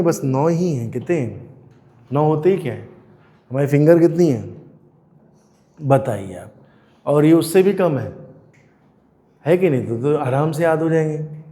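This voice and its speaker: A man's voice: on the high side, dark tone. A man, unwell and sore-throated, teaching a physics class and teasing and scolding his students. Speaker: coaching teacher.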